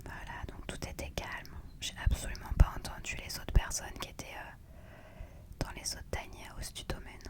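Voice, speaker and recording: A woman narrates a travel vlog entirely in whispers, quiet and hushed as if at night. She speaks close to the microphone in an ASMR style, recounting things as a vlogger would. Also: moderate pace. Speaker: vlogger narrating her trip.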